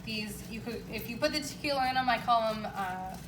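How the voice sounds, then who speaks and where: A woman's voice: on the high side, fairly quick. Upbeat lady doing a casual baking show, kinda far from the mic, noisy echoey kitchen. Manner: chatty, informal, upbeat. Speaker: home baking show host. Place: indoor home kitchen. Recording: echoey room, distant mic, clear noise.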